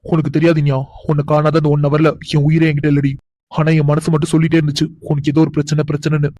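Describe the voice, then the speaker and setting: Woman playing a fond, teasing cartoon husband: low, even, quick and warm. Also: dry recording. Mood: remorseful. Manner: teasing, chuckling, coaxing. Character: doting young husband, teasing and affectionate. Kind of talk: animated cartoon voice acting.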